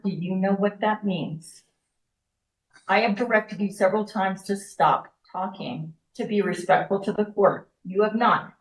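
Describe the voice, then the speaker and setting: A woman's voice: medium pitch, low-quality recording. Stern woman judge giving firm orders. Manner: firm, stern, repeats commands. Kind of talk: courtroom hearing. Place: courtroom.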